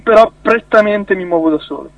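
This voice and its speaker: A man's voice: high-pitched, a little fast, vocal fry, dry recording, recorded from a distance, highs cut off. A man, a musician guest in a casual radio interview, who talks hesitantly with many restarts and easy laughs.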